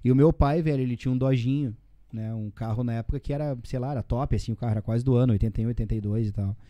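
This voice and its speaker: A man's voice: mid-range voice, rapid-fire, warm tone, no echo, dull audio. A man in his forties from southern Brazil with a Rio Grande do Sul accent, rambling through memories as an interview guest, full of tag questions and slang fillers. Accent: Rio Grande do Sul Portuguese. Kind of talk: casual interview storytelling.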